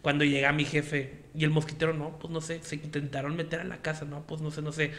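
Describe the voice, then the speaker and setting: A man's voice: on the high side, little pitch movement, fairly bright tone. A young man with a Monterrey accent telling stories in a casual chat, joking and full of slang. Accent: northern Mexican, Monterrey. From Mexico. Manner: rapid joking storytelling, heavy slang.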